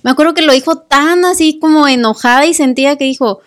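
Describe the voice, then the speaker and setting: A woman with a high voice tells a story in easy podcast conversation. She is animated, slips into the voices of her family and laughs often. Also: fast. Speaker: podcast co-host telling a story. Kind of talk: casual storytelling.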